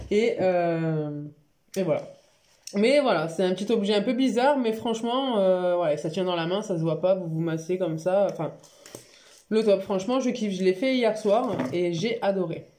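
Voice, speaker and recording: A woman talking casually and frankly in a home haul vlog, chatty and quick to laugh. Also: lowish voice, dark tone. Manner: chatty, frank, laughs easily, many fillers. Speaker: beauty vlogger. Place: home living room by a Christmas tree.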